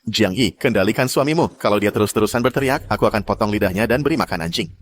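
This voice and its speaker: A man's voice: on the low side, expressive, quick pace, slight background noise, lightly acted. A man dubbing a cruel, arrogant young clan heir who sneers and threatens. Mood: scornful. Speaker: villain. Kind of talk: dubbed drama acting.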